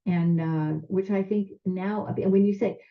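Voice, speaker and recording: A woman speaking as a public radio host in an informal, unscripted interview, conversational with halting, hesitant phrasing. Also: mid-range voice, fairly even intonation. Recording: muffled, narrow phone-like radio sound.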